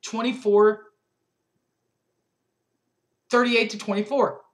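A young man with a high-pitched, level voice recaps a college football game from his small bedroom, taking it slowly. As a sports fan reviewer recording on a desk webcam, he reads scores and stats methodically, restarting at times.

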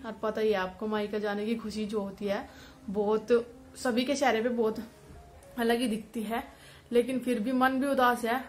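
A young woman vlogs to camera from a small room in her home in a village, chatting casually and wistfully with plenty of fillers. Her voice is a bit high and somewhat mellow, with a faint hiss or hum in the recording.

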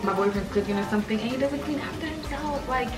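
A woman's voice: high-pitched, fast talker. Young woman chatting while cooking. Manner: chatty, relaxed, filler-heavy explaining while cooking. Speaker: vlogger. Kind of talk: casual cooking vlog. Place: home kitchen, indoors. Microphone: camera mic from a few feet away. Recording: roomy kitchen echo, distant mic, loud music underneath. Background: loud Afrobeat music.

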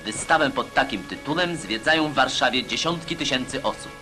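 A man's voice: mid-range voice, expressive, a little fast. Man narrating an old newsreel over music. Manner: declamatory, emphatic propaganda delivery.

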